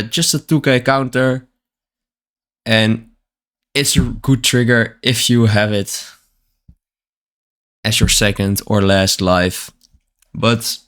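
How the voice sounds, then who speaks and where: A man's voice: on the low side, fairly bright tone, smooth. A man with the hiccups, reading card text aloud and explaining it plainly in a casual card-by-card deck walkthrough. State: has the hiccups.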